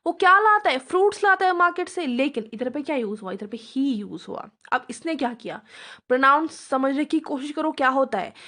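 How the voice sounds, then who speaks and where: A woman teaching a grammar lesson, coaxing her students and often checking that they understand, reading definitions slowly. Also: sits high, expressive, pushed and bright. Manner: reads English definitions slowly. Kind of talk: classroom grammar lecture.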